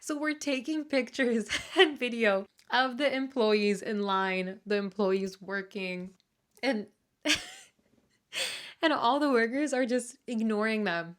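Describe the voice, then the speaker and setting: A woman's voice: a little high, slow. A woman hosting a casual commentary, wry and amused as she talks over clips. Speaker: commentary host.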